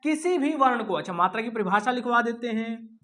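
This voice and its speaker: A man's voice: very high-pitched, animated, fairly quick, pushed and bright. A male Hindi teacher giving an exam-prep grammar lesson. He repeats key words, asks questions and answers them himself, and calls his students son and brother.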